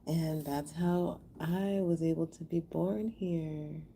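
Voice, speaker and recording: On a slight hiss or hum, a woman from Houston, Texas, talks low and slow in a mellow voice with fairly even intonation. Hosting a live art stream, she chats casually, speaking directly to viewers in an affectionate, appreciative way.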